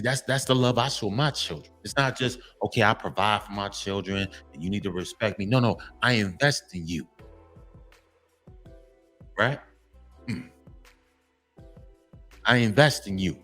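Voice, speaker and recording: A man's voice: lowish voice, fairly bright tone. A man, giving a heartfelt motivational talk to fathers. He is emphatic, stumbles and repeats himself, and is tearful at times. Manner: emphatic, repetitive, restarts often, preachy. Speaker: vlogger addressing fathers.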